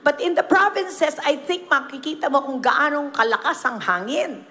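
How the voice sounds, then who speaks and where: A Filipino woman pastor preaching a sermon, mixing Tagalog and English and telling the story with lively questions to the congregation. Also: sits high, normal speed, in a large hall. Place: church.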